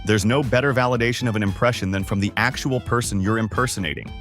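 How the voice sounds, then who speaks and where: A man's voice: fairly low pitch, fast. A man reading hyped-up scripted narration. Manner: upbeat, hyped-up delivery. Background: faint background music.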